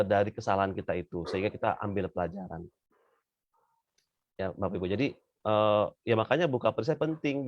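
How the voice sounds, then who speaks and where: A man's voice: lowish voice, no echo. A man giving a casual spoken religious lesson, chatty and full of tag fillers, addressing his listeners directly. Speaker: religious teacher. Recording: dry, slightly dull audio.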